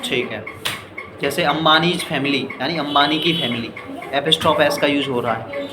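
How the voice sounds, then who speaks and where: An Indian man teaching spoken English in Hindi, explaining step by step and often asking whether his students understood. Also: a little high. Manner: explains slowly, asks "clear?" and "ठीक है" often; reads English examples very slowly and deliberately. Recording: echoey room with noisy background.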